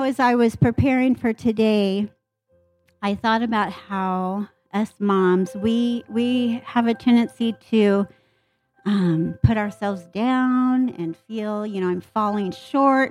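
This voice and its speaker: A woman in her forties speaks slowly and a little high, giving a heartfelt church testimony with scripture woven in. Soft music plays faintly behind her. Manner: earnest, warm storytelling with scripture quotes.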